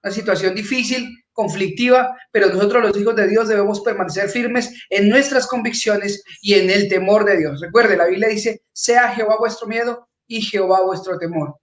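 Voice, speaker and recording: Pastor guy, high voice, earnest steady preaching, echoey room. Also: normal speed, hardly any pauses. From Peru. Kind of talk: church sermon greeting.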